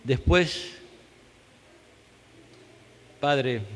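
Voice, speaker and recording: A male pastor with a Peruvian accent preaching a fervent sermon, swinging from loud emphatic peaks to low prayer. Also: extremely slow. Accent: Peruvian Spanish. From Peru. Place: church hall. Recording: church hall with long reverb.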